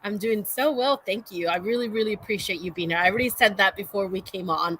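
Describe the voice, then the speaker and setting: A woman with a bright, forceful voice hosts a live-streamed interview, upbeat and chatty as she moves between questions. Faint noise hums under her voice. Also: mid-range voice, quick pace, low-quality recording. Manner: upbeat, chatty, with fillers and restarts. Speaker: host.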